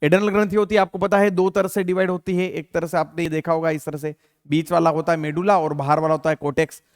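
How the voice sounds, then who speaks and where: Speaking quickly in a fairly high, level tone, this man runs a Hindi biology exam-prep lecture in a dry, studio-quality recording. He asks questions and supplies the answers, drills key terms repeatedly, and peppers his talk with "theek hai" while addressing listeners as "beta."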